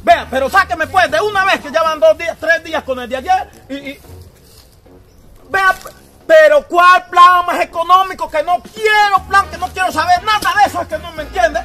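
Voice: extremely high pitch, normal speed, sharp tone, faint music behind. Someone playing Tío Tulio, a hot-tempered uncle. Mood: insistent. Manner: stubborn, insistent, raises voice in bursts. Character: hot-tempered older uncle fighting a phone company. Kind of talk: comedy sketch.

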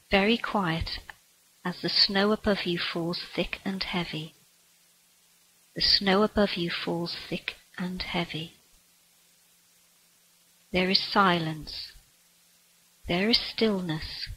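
A woman guiding a relaxation meditation in a soft, breathy voice that sometimes drops to a whisper. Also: on the low side, rough recording. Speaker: meditation guide.

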